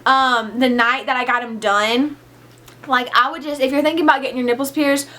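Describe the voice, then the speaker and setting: A young woman telling a candid storytime in a casual vlog, chatty and animated, swearing freely. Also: high voice, a little fast. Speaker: vlogger.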